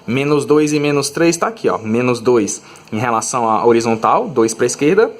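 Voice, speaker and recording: Male math teacher, mid-pitched, patient explainer who peppers the lesson with quick check-in questions. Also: expressive. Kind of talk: recorded classroom lesson.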